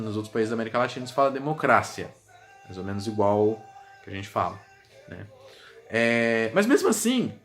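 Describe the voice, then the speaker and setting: A man who teaches languages, casually explaining words in a vlog and repeating example words aloud, with many fillers. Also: mid-range voice. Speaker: language teacher and video creator. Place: home room with a gaming setup. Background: music playing softly in the background.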